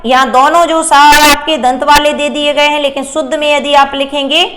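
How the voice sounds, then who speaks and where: A woman teacher giving a Hindi grammar lesson, explaining slowly and asking and answering her own questions. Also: high-pitched, little pitch movement, fairly bright tone.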